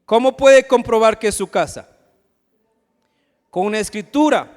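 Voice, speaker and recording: In what sounds like a live sermon, an Ecuadorian pastor with a high, smooth, resonant voice preaches at a measured pace. He frequently asks his congregation direct rhetorical questions and acts out asides, while his voice echoes with long reverb around the sanctuary.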